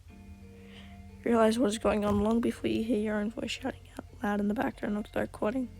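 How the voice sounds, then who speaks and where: A woman's voice: fairly high pitch, level tone, a little fast, creaky, warm tone, soft background music. A woman narrating a story game aloud, with blunt, sometimes swearing commentary. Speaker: gameplay streamer reading a visual novel.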